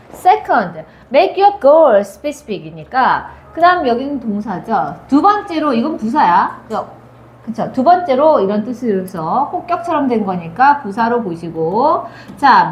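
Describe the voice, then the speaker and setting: A woman teaching English grammar to high school students, asking questions and answering them herself, and reading English phrases out slowly. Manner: asks and answers her own questions. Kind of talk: grammar lecture. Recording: echoey room with faint noise.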